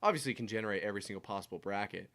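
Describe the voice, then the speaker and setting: A man's voice: fairly low pitch, very fast, noisy background. A man hosting a casual sports podcast in a studio, rambling with lots of hedging and fillers. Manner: rambling, hedges with "like", laughs while talking. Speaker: podcast host.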